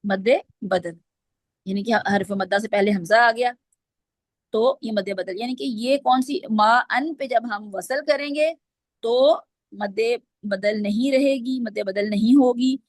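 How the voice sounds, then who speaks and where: A woman's voice: fairly high pitch, unhurried, darkish tone, no echo. A woman teaching Quranic recitation rules, explaining step by step and quizzing her students. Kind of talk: online class lesson.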